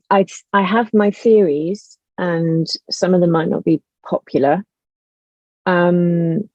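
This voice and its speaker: A woman with a fairly low, creaky, mellow voice talks as an interview guest on a podcast, making her opinions known emphatically in a conversational tone. She is an audio drama writer and actor, recorded over dull, lo-fi, roomy call audio.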